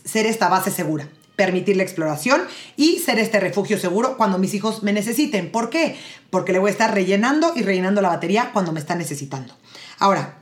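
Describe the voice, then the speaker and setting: A woman hosting an episode on emotional parenting, speaking straight to the listeners and often checking in with them. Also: medium pitch. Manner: addresses listeners directly, often ends with tag questions. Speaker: host and parenting educator. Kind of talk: educational talk to parents.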